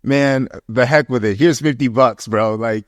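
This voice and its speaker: A man in his twenties hosting a casual podcast, telling animated stories full of "like" and slang. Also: medium pitch, a little slow, dry recording, studio quality. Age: 20s. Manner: animated storytelling, lots of "like" and slang. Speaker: podcast host.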